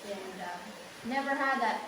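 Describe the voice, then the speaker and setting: A woman's voice: a little high, takes it slowly. A woman with a Southern US accent telling local stories informally as a tour guide inside a cave. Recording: echoey cave, distant mic, faint noise.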